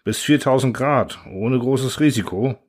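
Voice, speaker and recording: Guy reading as a careful scientist, measured, close to his own voice. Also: mid-range voice, lightly acted. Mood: cautious. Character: male nuclear physicist, cautious and measured.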